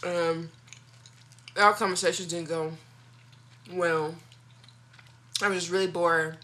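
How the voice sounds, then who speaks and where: A woman's voice: on the low side, fairly even intonation, slow pace, bright, forceful tone. A woman talking casually and candidly to viewers as a video host, giving her opinions in informal, slangy speech.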